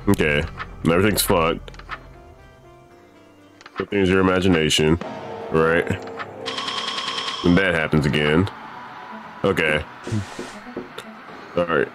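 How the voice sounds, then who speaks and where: A young man with a deep voice plays through a horror game, reading the on-screen steps aloud in an offhand way. He swears freely and laughs nervously, with faint music in the background. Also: steady tone, slow pace, pauses often. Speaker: gamer streaming a horror game. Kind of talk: casual let's play commentary.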